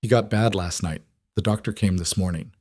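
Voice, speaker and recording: A grieving young woman, as a male narrator voices her. She sounds strained and close to tears. The low voice is only slightly raised and recorded dry. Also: moderate pace, a little mellow, dry recording. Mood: strained grief. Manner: strained, holding back tears. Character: grieving young woman, daughter of a dying father. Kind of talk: audiobook character voicing.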